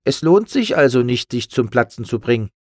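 A man's voice: medium pitch, very animated, moderate pace, a little mellow, no echo, studio quality, voice pushed up. A man voicing a large, spiteful seagull in a children's storybook, with a taunting, menacing manner. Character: spiteful, mocking big seagull.

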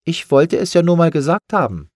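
A man's voice: fairly high pitch, big pitch swings, a little fast, a little mellow, dry recording, clean studio sound, voice pushed up. A man voicing a large, spiteful seagull in a children's storybook, with a taunting, menacing manner. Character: spiteful, mocking big seagull.

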